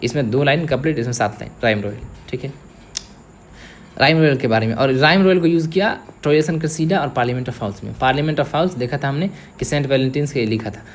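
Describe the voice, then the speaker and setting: With a mid-range voice and moderate pace, a young man gives an exam-prep literature lecture, slight background noise audible. Frequent check-ins of "theek hai" punctuate his step-by-step explanations to students.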